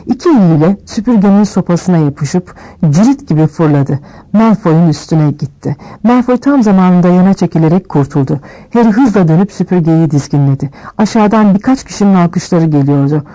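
A woman reading a novel aloud as scripted narration, shifting her pitch a little for each character. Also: animated, moderate pace, dark tone, poor audio. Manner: reads all characters with small pitch shifts. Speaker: audiobook reader.

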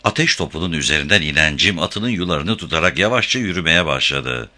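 Deep-voiced male audiobook narrator. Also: animated, a little fast, bright, forceful tone. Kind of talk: scripted narration.

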